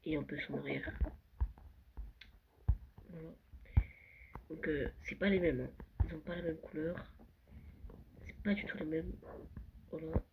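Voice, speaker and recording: A young vlogger touring a Minecraft world late at night, often whispering and speaking softly. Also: mid-range voice, fairly even intonation, measured pace, vocal fry, long pauses, narrow, tinny audio. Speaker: gaming vlogger. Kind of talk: casual Minecraft world tour. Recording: loud background noise.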